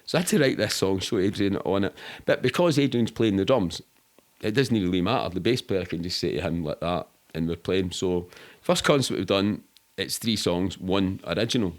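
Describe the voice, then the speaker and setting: This middle-aged Scotsman has a fairly low voice with lively intonation and talks at normal speed. As an interview guest, he shares casual, rambling stories in colloquial speech with the odd swear word.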